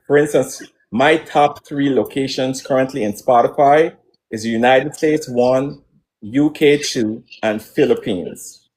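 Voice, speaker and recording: A man from Guyana, a musician guest in a relaxed online interview, speaking through a computer mic on a call. His voice sits in a middle pitch. He talks haltingly, restarting phrases and filling gaps with ums before landing on his point. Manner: rambling, hesitant with many restarts. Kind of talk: casual interview answers.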